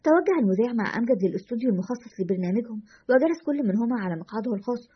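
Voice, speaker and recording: A woman narrating a scripted story in a brisk, steady way. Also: on the high side, breathy edge, lo-fi sound.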